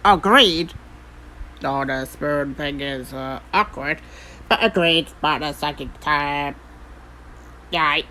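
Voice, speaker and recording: A woman joins in on the commentary, hesitant and often searching for her words. She speaks very slowly in a bright voice, and faint noise sits behind her. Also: low voice, poor audio. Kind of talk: casual commentary chat.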